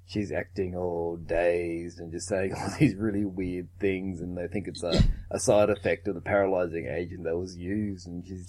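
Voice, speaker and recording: Low-voiced man recapping a film. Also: breathy edge. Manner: relaxed plot retelling with chuckles. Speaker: podcast co-host. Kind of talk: casual film recap chat.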